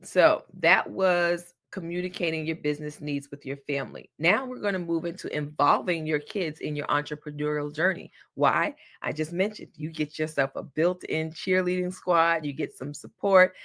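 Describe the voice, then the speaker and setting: A woman's voice: sits low, a bit bright. A woman hosting a solo podcast, giving advice in a chatty, encouraging, colloquial way. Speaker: podcast host.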